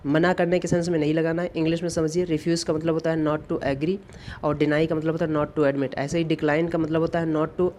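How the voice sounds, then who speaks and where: A man's voice: a little high, flat delivery, fairly quick, darkish tone. A male English teacher walks through exam questions in a mix of Hindi and English. He stops often to repeat and spell out key words. A faint hiss sits under his voice. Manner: explains in Hindi mixed with English, repeats points. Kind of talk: exam-prep grammar lesson. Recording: faint background noise.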